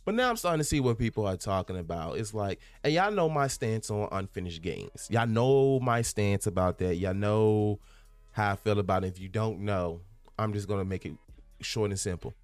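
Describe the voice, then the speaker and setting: A man's voice: fairly low pitch, expressive, normal speed, dry recording. A man hosting a casual gaming podcast who reads out a news article and keeps breaking off to ramble and stumble over his words. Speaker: podcast host.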